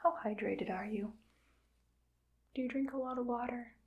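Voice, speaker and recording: In an ASMR roleplay, a woman plays a cheerfully callous female evil scientist, whispering softly up close and musing aloud as she works, calm throughout. Her husky voice sits on the high side at a normal speed, and the sound is lo-fi.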